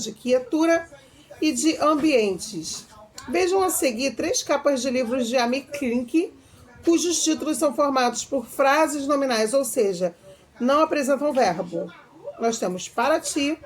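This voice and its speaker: A woman teacher with a Brazilian Portuguese accent, explaining grammar step by step in a recorded video lesson. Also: high-pitched. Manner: explains step by step, reads examples aloud with varied intonation.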